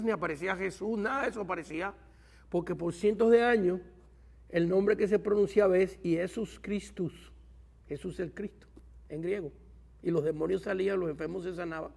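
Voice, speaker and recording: A male pastor giving a Bible study lecture to a class, asking rhetorical questions and pausing to search for the right words. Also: high voice, creaky, breathy edge.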